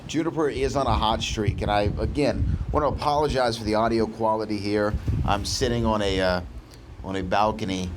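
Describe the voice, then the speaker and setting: A man hosting a podcast, chatting casually and pitching movie ideas, heard over a low-quality audio stream from a balcony outdoors. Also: fairly even intonation, a little fast. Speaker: podcast host. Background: faint outdoor noise.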